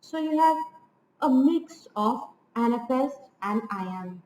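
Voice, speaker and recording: A woman's voice: a little high, lively intonation, slow pace, a little mellow, roomy sound, rough recording. A woman giving an informal literature lecture on a poem, explaining patiently and often checking in with her listeners. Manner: explanatory, frequent restarts and "right?" checks. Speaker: literature teacher.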